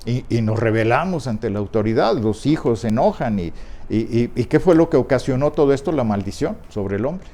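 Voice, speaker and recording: A man's voice: medium pitch, lively intonation, fairly quick, mellow. A middle-aged pastor with a Mexican Spanish accent, preaching a sermon and explaining his point with repeated key words.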